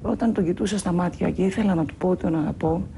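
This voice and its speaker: A man remembering his father tenderly in a documentary interview, speaking in a halting way. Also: high-pitched, creaky, dark tone, slight background noise. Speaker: interviewee, the singer's child.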